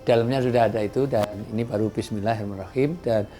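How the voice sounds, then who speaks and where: A middle-aged man, a preacher chatting casually as a guest and explaining things in short, halting phrases. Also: lowish voice, fairly even intonation, warm tone.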